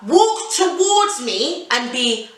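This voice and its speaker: A young woman vlogger telling a casual storytime, animated and exasperated, full of slang. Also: high voice, slow pace. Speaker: YouTuber. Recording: very echoey room, voice from a distance.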